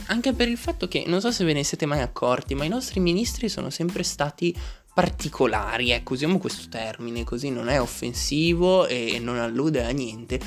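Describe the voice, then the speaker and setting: Sarcastic man ranting over faint music. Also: a little high. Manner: sarcastic, joking rant. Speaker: host. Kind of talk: comic monologue.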